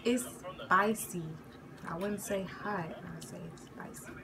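A woman's voice: medium pitch, unhurried. A young woman chatting casually and matter-of-factly during an eating challenge at home. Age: young adult. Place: living room at home. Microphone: device at arm's length. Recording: clearly noisy home recording.

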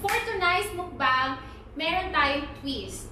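A Filipino woman hosts a mukbang vlog and chats in a giggly mix of English and Tagalog. Her voice sits high, and she is caught from a distance in a very echoey room. Background chatter and noise run under her talk. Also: slow pace, pushed and bright. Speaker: vlog host. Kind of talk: casual mukbang vlog chat in Taglish. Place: indoors at a dinner table with friends.

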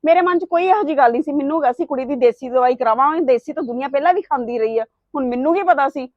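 A middle-aged woman plays a wife's mother defending herself to her son-in-law in a family drama, sounding defensive and pleading. Her high-pitched voice moves at a quick pace, close to an everyday voice, with no echo and a dull, dry sound.

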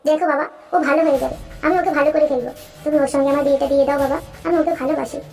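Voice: high voice, steady tone, very fast, a little mellow, soft background music. A performer voicing a devoted young rich daughter in a cartoon, earnest and pleading. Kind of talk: cartoon voice acting.

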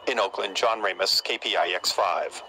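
A man's voice: low-pitched, normal speed, sharp tone, poor audio. An older man reporting for TV news outdoors with a handheld mic, emphatic reporter cadence. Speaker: TV field reporter. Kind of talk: news report narration and interviewing. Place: outdoors at a truck yard. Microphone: handheld microphone.

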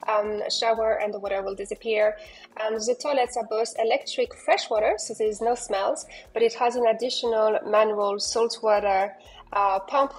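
A yacht broker with a breathy-edged, mid-range voice narrates an enthusiastic walkthrough of a sailing yacht. Her talk is loose, full of fillers and restarts.

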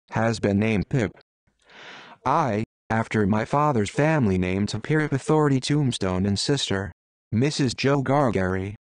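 A man reads a story aloud in a low voice, flat and a little halting. The recording is dry and close, with no room sound. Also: no room sound. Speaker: reader.

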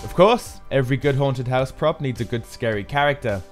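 This scripted build-tutorial voice-over comes from the maker himself, a man of medium pitch speaking at a moderate pace. His tone is upbeat and explanatory, with faint music in the background.

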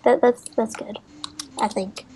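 Give a woman on voice chat, chatty and giggly as she plays, often restarting her sentences. Her voice sits slightly high and sounds a bit worn. She keeps it relaxed and friendly. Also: a little slow, slight background noise. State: losing her voice. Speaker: Minecraft player. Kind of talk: casual gaming chat.

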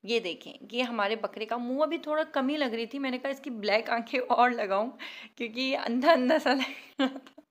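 Laughing at her own baking, a woman hosts a cooking channel tutorial in voice-over, sounding chatty, self-deprecating and pleading. Her pitch is slightly high and her speed normal.

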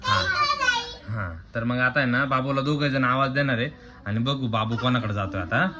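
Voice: medium pitch, normal speed. An adult family vlog host giving casual, cheerful play-by-play of a children's game and coaxing the players, often repeating short phrases. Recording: loud background noise.

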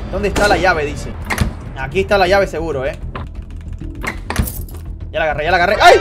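A young man giving excited gameplay commentary, shouting when startled. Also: fairly high pitch, moderate pace. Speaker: gamer streamer. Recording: voice over game music.

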